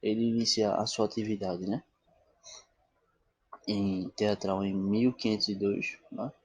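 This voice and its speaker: Male teacher, slow deliberate lecture, low husky voice, dry close sound. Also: fairly even intonation, no echo. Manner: checks in often with "tá bom?" and "né?"; asks questions and answers them himself. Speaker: literature teacher. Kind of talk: classroom-style lecture.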